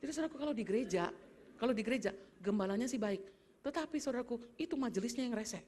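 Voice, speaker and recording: Brief: woman pastor, lively sermon delivery, high and bright voice, faint noise behind. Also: very fast. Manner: animated, conversational preaching with frequent address to the congregation.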